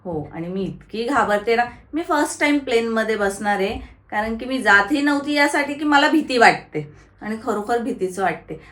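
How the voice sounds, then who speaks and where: A woman's voice: a little high, expressive, normal speed, a bit bright, reverberant. A woman vlogger, chatting casually to her viewers and talking baby talk with a toddler. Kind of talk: casual vlog chat.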